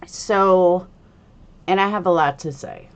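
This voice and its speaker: A woman talks to her livestream viewers in a slightly low voice, with a slight lisp from the retainer she is wearing. She takes her time, speaking very slowly. Her manner is blunt and opinionated. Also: smooth, muffled recording. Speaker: livestream host. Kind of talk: casual livestream commentary addressed to viewers.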